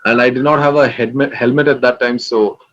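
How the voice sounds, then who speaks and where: A man in his late twenties from Kerala, India, telling his story in a relaxed, rambling way full of fillers. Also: mid-range voice, a little fast, highs cut off. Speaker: interview guest. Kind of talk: casual interview.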